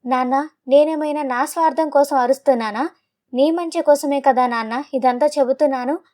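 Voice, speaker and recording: Hurt, devoted elder son, pleading with a shaky voice, storybook tale, read by a woman, high pitch. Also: moderate pace, darkish tone, natural voice. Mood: grieving. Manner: pleading, voice trembling.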